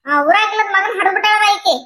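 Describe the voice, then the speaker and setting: A woman voicing a sharp-tongued, stingy old mother-in-law in a cartoon, nagging and scolding in a North Karnataka Kannada accent. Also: very high voice, a little fast, slight background noise. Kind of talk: cartoon voice acting.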